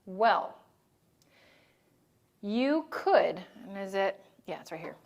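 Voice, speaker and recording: This trainer's medium-pitched voice is sing-song as she takes her time presenting on disaster assistance. She talks casually with the group, regularly checking in with "right?" and "okay?"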